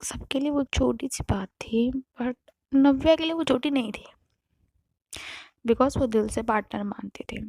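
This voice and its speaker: A woman telling a story in a casual, conversational way. Her voice is breathy and husky, a little high for a woman, and often drops to a half-whisper. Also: measured pace, warm tone, no room sound.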